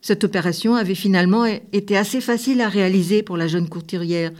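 A woman narrating a storybook in a gentle, measured reading voice. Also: mid-range voice.

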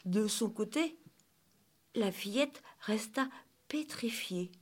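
A woman reading a children's story aloud with lively, dramatic narration. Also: mid-range voice, takes it slowly, slightly rough.

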